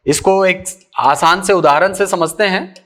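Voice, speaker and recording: Slow, high-voiced man teaching. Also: a bit bright. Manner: asks rhetorical questions and answers them himself, checks "clear?"; slow and deliberate, stretching key terms. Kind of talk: exam-prep lecture.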